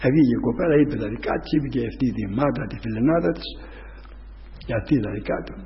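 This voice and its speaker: A man's voice: mid-range voice, a little hiss or hum. A man giving a rambling, fervent spoken testimony to a church congregation, full of restarts. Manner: rambling storytelling with many restarts, preaching fervently. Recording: dull sound with long hall reverb.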